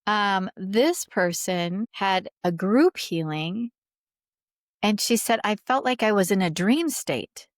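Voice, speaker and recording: Her mid-range voice is expressive and slow, captured in clean studio sound with no room sound. She's a healer on a podcast, earnestly and informally telling stories and reading testimonials in conversation, often saying "like" and "right?".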